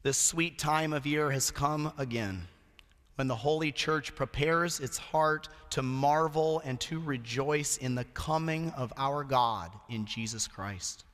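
A man preaching a solemn sermon with a hoarse, strained voice and deliberate, emphatic pauses. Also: mid-range voice, fairly bright tone. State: hoarse, voice nearly lost. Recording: long echoing hall reverb.

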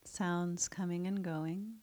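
Woman, meditation guide, very slow, lowish voice, soft and soothing, long pauses. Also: fairly even intonation.

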